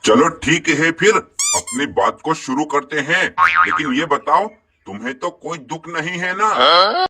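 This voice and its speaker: A man's voice: on the high side, wildly swooping pitch, measured pace, full character voice. A man voicing a bossy cartoon potato. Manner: loud, bossy, joking. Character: bossy male potato leader of vegetables. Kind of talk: comic cartoon voice acting. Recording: music playing behind.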